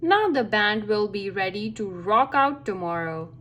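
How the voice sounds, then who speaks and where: A woman with a mid-range voice reads a children's picture book aloud like a storyteller, phrasing things expressively and deliberately for young listeners. There's slight background noise.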